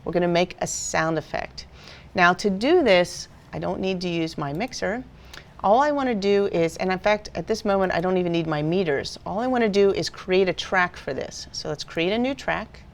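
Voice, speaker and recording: A woman instructor calmly explaining audio editing steps in a screen-recorded software tutorial. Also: fairly low pitch, moderate pace. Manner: patient step-by-step explaining.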